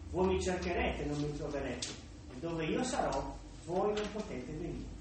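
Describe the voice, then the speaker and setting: Uomo che legge Gesù, solenne e pacato. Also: male voice, fairly high pitch, normal speed, natural voice. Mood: solemn. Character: Jesus, a grown man teaching and rebuking. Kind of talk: scripture reading. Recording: echoey room, distant mic, noise.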